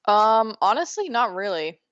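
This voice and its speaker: A woman's voice: mid-range voice, very animated, a little slow, a bit bright, dry recording, highs cut off. A woman co-hosting a podcast in casual chat, talkative and laughing often, trailing off mid-sentence. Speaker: podcast co-host.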